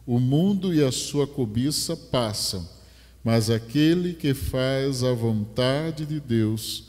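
Middle-aged Brazilian pastor, Rio accent, unhurried sermon delivery, headset mic, reverberant hall. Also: male voice, mid-range voice, darkish tone. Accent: Rio de Janeiro Portuguese. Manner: slow, measured scripture reading building to emphatic preaching. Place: large church stage, indoors. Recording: long church hall reverb.

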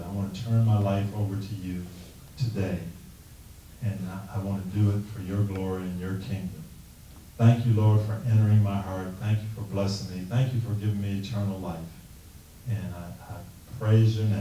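A middle-aged man speaking earnestly into a handheld mic to a team in a classroom, giving a measured talk that moves into prayer. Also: fairly low pitch, slight background noise. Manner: earnest, measured, softly pleading. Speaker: guest speaker. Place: classroom meeting room, indoors. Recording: echoey room, camera from a distance.

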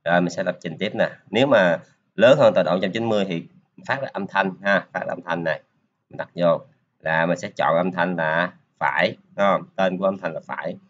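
A man talks through a screen-recorded coding lesson in a relaxed, chatty way, peppering his steps with filler particles. His voice sits very low. The sound is muffled and lo-fi, like a basic computer microphone. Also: a little fast. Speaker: programming teacher.

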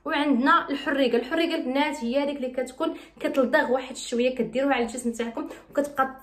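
A woman's voice: high-pitched, very fast, reverberant. Bubbly Moroccan woman vlogging. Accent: Moroccan Arabic. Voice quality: bubbly, chatty, repeats herself. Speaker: beauty vlogger. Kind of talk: casual vlog chat and recipe explanation.

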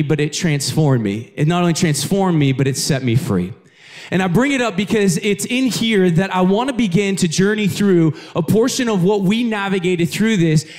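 A man in his thirties, an executive pastor, preaching a sermon in a conversational, storytelling way and talking with the congregation. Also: high voice. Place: church auditorium with live congregation.

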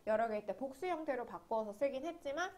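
A woman's voice: sits high, lively intonation, fast talker, a little mellow. Casual online lesson, woman teacher, chatty, keeps asking if the class got it. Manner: chatty, asks students to confirm often. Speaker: English teacher. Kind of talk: online grammar lecture.

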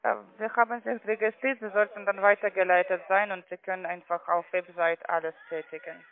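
A non-native man, not a German speaker by birth, makes a phone sales call for trading accounts as a call centre agent, phrasing things ungrammatically. His voice is high with little pitch movement, and he speaks fairly quickly. The line sounds narrow and muffled.

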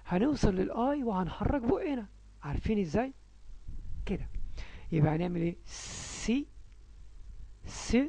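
رجل بلهجة مصرية يشرح درسًا في الصوتيات الإنجليزية لأطفال صغار، ويمدّ أصوات الحروف ببطء. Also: male voice, high-pitched, big pitch swings, creaky, dark tone, husky, rough recording. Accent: Egyptian Arabic. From Egypt. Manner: slow, drawn-out sounding of letters. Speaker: English teacher for young children. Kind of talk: phonics lesson.

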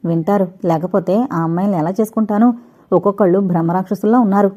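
A woman's voice: medium pitch, steady tone, quick pace, mellow, lightly acted. Teasing young man, as a woman reads him. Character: playful scheming young man, a son.

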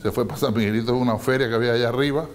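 A man's voice: mid-range voice, very fast, slight background noise. A man, a comedian telling a long joke, laughing and jumping into voices for each character. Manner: animated, laughing storyteller who does many voices. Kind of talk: comic joke telling and sketch.

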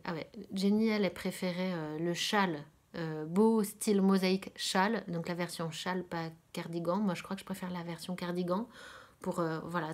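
A woman from France chats casually as host of a knitting podcast, her voice sitting a little low. She hesitates often and fills gaps with filler sounds, often slipping into a soft near-whisper. She gushes over what she likes, repeating words of praise. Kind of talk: casual chat about knitting.

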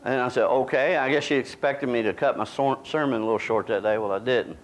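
A man's voice: medium pitch, a little fast. A middle-aged man, preaching a sermon in a small church in a folksy, conversational way. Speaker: pastor. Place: small church sanctuary, indoors.

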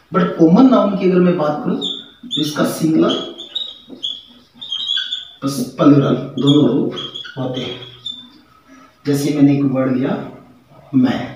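A man teaches a grammar lesson, walking through examples one by one and repeating the key words. His voice sits a little high and comes from some distance off the mic. The room is very echoey, with a faint hiss behind. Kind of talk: classroom lecture.

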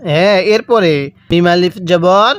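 A man teaching Quran reading, spelling out letters and vowel marks and drawing out syllables slowly for listeners to repeat after him. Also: high-pitched, clean tone, no echo, studio quality. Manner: draws out recited syllables very slowly. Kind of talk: step-by-step recitation lesson.

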